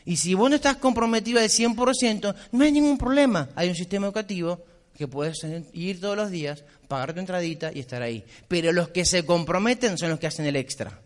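A man's voice: high voice, brisk. Emphatic Argentine man in echoing hall. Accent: Rioplatense Argentine Spanish. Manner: emphatic, insistent, repeats points. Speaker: motivational speaker. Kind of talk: motivational business talk. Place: large convention hall. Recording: reverberant convention hall.

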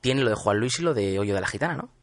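A man's voice: medium pitch, lively intonation, fast talker, no room sound. A man interviewing a guest on radio, polite and formal, with hesitant fillers.

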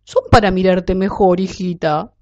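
A woman's voice: lowish voice, steady tone, unhurried, warm tone, close to an everyday voice. A woman voicing a crafty, scheming male wolf in a children's story. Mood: sly. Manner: coaxing, crafty. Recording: dull lo-fi recording.

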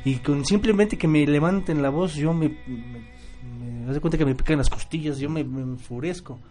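A man's voice: a little high, normal speed, dark tone, faint music behind. Emphatic man talking faith. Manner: emphatic, repeats words when worked up. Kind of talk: casual faith discussion.

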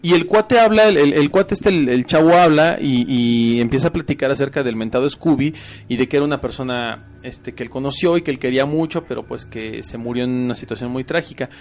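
A man's voice: mid-range voice, a little fast. A man, hosting a casual chat and telling a story animatedly, with frequent restarts. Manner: animated, many restarts and fillers.

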